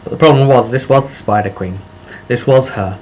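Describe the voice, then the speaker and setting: Captured on a dull lo-fi mic with a touch of noise, a game master rambles through an unscripted recap of a tabletop session, assembling the story as he goes. His mid-range voice is a little mellow and moves slightly quickly.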